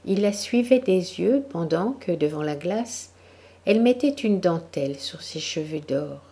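A woman reading a literary story aloud in a slow, measured storytelling manner. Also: on the low side, lively intonation, warm tone. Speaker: audiobook narrator.

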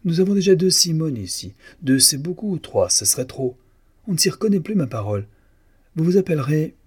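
A man voicing a fussy, sugary old English forewoman in a dressmaking workshop, his husky voice lifted higher for her. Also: animated, moderate pace. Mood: fussy coaxing. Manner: sugary, coaxing, then fussy.

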